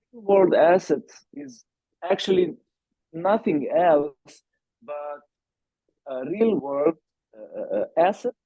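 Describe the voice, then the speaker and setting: A startup founder from Slovenia, appearing as a podcast guest, answers interview questions with lots of fillers and restarts. His voice is fairly high, with no room sound. The audio is tinny, like a phone call.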